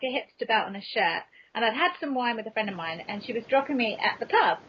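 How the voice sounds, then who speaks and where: On dull, muffled lo-fi podcast audio, a woman with a high, husky voice chats as a guest. She speaks candidly and casually, poking fun at herself through comic anecdotes.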